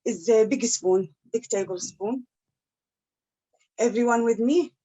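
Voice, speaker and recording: A woman from Iraq, talking through a cooking demonstration over a video call in careful, halting English. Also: on the high side, warm tone, slightly rough. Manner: slow, halting, careful English with many pauses. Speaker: cooking class presenter. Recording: muffled video call audio.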